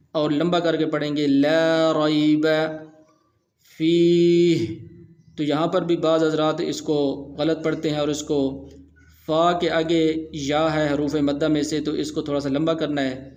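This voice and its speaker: A man teaching Quran recitation rules step by step, explaining plainly and then slowly chanting the example verses. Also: fairly high pitch, darkish tone. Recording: dull, muffled audio.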